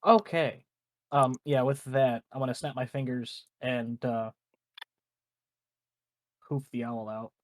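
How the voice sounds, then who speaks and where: A man playing a tabletop role-playing game, chatting casually and haltingly as he thinks through his character's moves aloud. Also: medium pitch, fairly even intonation.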